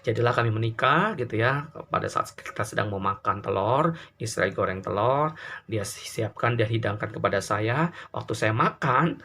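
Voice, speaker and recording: A man's voice: on the low side, expressive, normal speed, pushed and bright, a little hiss or hum. A middle-aged man from Indonesia, a pastor preaching a sermon and telling stories to his congregation. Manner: storytelling, addresses congregation directly, frequent fillers.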